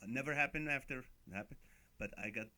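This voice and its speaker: A man's voice: mid-range voice, a little fast. A middle-aged man, a guest comedian, telling funny stories on a talk show and acting out the voices of the people in them. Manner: animated comic storytelling, acts out quoted voices.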